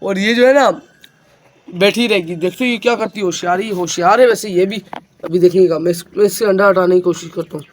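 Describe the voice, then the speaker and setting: A man's voice: sits high, a little fast, a little hiss or hum. A man vlogging about his pet hens outdoors on a phone camera, talking casually and chattily to his viewers. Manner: chatty, keeps addressing friends, excitable around the hen. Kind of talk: casual vlog commentary. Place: outdoors with chickens.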